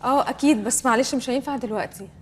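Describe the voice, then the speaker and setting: A woman's voice: a little high, racing, in a large hall, slight background noise, natural voice. An actress playing a courteous mother in a TV comedy, with an Egyptian Arabic accent, polite and confused. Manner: polite and puzzled. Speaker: schoolboy's mother. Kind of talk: TV comedy series acting.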